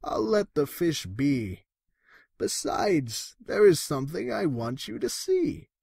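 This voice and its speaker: A man's voice: fairly high pitch, very animated, slow, a little mellow, dry recording, studio quality, heavily acted. A man voicing a sly, sinister trickster cat in a storybook, falsely reassuring, with theatrical rhyming talk. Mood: slyly inviting. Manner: smooth-talking, theatrical, rhyming.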